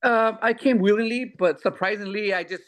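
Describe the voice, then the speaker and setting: A man guest comedian with an unexpectedly high voice, chatting casually in slang with many restarts. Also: fairly even intonation, normal speed. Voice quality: unusually high voice for his look. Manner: laid-back slangy talk, many repeats. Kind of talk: casual interview chat.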